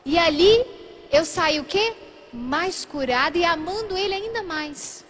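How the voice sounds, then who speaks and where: A Brazilian woman with a high, bright voice tells a personal faith story. She acts out the dialogue in shifting voices and keeps the telling lively. Faint background ambience is audible under her speech. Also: unhurried, a little hiss or hum. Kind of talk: storytelling testimony.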